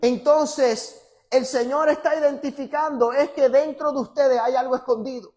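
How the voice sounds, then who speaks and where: A male pastor, preaching a sermon to a congregation. He moves from loud, emphatic scripture reading to quiet, teasing asides. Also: very high-pitched, fairly even intonation, moderate pace. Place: church before a congregation.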